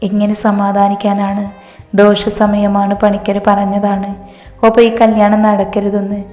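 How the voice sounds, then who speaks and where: A woman's voice: mid-range voice, completely flat delivery, a little slow, dark tone, lightly acted. A woman voicing a distraught older father. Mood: upset. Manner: pleading, shaken. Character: anxious grieving older man, a father. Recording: roomy hall reverb, faint music.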